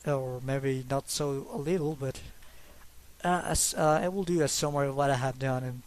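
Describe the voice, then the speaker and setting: A young hobby artist from Mexico describes his drawings in English, his Mexican Spanish accent clear, using a mid-range voice at a moderate pace. He's casual yet hesitant, stumbling through fillers and restarts, and he laughs a little, sounding self-conscious.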